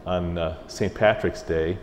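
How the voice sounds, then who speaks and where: A middle-aged man, a music director in an interview, telling stories in a chatty, animated way. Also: deep voice, a little slow. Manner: chatty, animated, slips into mimicked voices. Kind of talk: casual interview storytelling. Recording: roomy hall echo with faint ambient hiss.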